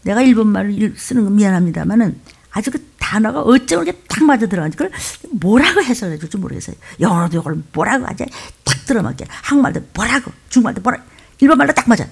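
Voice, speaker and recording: A woman pastor preaching a sermon with emphatic delivery, jumping from loud exclamations to hushed whispers. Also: mid-range voice, animated, fast talker, creaky, husky.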